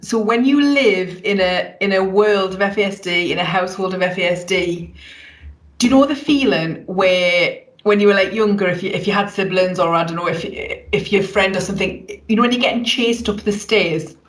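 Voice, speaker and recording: A woman's voice: mid-range voice, normal speed. A woman who is a parent and podcast co-host, earnestly explaining her experience in a casual chat. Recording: echoey room, away from the mic.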